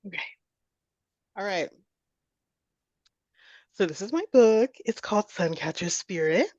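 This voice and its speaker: A woman's voice: mid-range voice, animated, measured pace, a little mellow, no echo, dull audio. Giggly woman poet on a call. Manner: giggly, laughs often. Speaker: podcast guest, poet. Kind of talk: casual interview chat. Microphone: video call.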